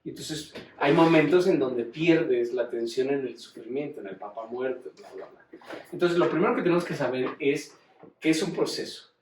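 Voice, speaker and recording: A man's voice: mid-range voice, normal speed, a little mellow, a little hiss or hum. A man giving an informal class, talking conversationally with frequent restarts and rhetorical questions. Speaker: teacher. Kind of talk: informal lecture. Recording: roomy room, distant mic.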